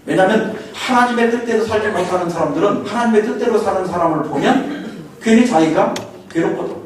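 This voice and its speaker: Male pastor, folksy sermon, high voice, very echoey hall, far from mic, faint hiss. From Chungcheong, Korea. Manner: folksy storytelling, chuckles often. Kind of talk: sermon lecture.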